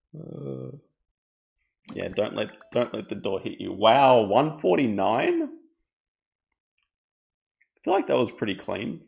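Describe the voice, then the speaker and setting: A man streaming a board game live, thinking aloud in a relaxed, chatty way. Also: fairly low pitch, slow, vocal fry, pauses often. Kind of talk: casual live game commentary.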